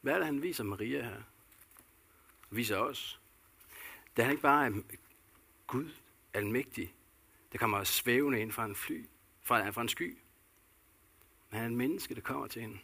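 Man, pastor's sermon, gravelly husky voice, bright edge, earnest rhetorical questions. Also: medium pitch, pauses often.

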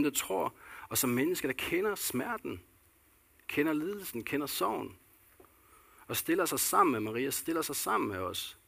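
A man's voice: medium pitch, gravelly, a bit bright, husky. A man delivering a sermon as a pastor, earnest and repetitive, posing questions to the congregation.

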